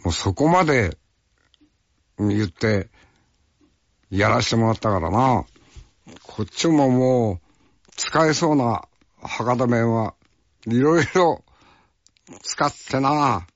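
Slow, folksy man reminiscing. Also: medium pitch, animated, no room sound, highs cut off. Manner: rough, folksy, peppers speech with tag questions. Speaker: actor. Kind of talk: casual storytelling reminiscence.

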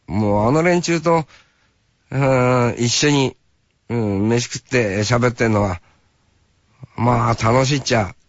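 Slow, drawling folksy radio host man. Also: medium pitch, no room sound, dull audio. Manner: drawling, rough and folksy, keeps adding "nah" tags. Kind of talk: casual radio talk.

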